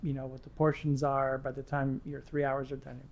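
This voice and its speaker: Speaking briskly in a completely flat, creaky, medium-pitched voice, a Lebanese gym client in his sixties chats casually as a guest. His talk is friendly and rambling with many restarts. The recording sounds muffled.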